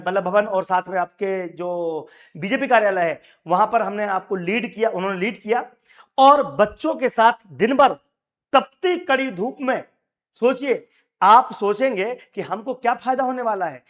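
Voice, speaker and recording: A man with a high, hoarse voice speaks straight to exam candidates. He is emphatic and rallying, and he repeats his key points to drive them home. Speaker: coaching teacher and union leader. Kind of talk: direct address to exam aspirants.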